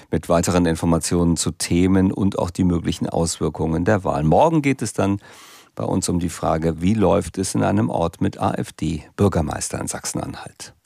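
A man presenting radio news in a measured, announcing way from a studio microphone. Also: low-pitched, gravelly, a little mellow, no echo. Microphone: close studio mic.

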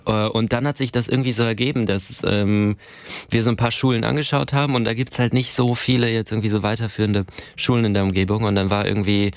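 A man's voice: fairly low pitch, fairly even intonation, quick pace, no room sound. A young man from Germany, a conductor, chatting casually as an interview guest and hesitating with many fillers. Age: young adult.

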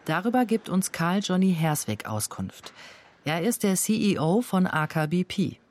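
A documentary narrator reading a scripted voice-over in a measured, matter-of-fact way. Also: mid-range voice, lively intonation.

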